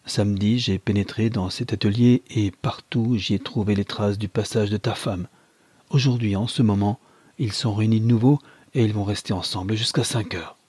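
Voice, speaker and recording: A cold, possessive mother who presses her point in slow, measured words, voiced by a male reader. The voice stays low and husky, with a dry, close sound. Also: fairly even intonation, darkish tone, no room sound. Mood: coldly insistent.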